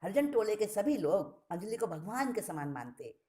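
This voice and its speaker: A woman reading a short story aloud, expressive and often restating a word with a plainer synonym. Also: medium pitch, normal speed.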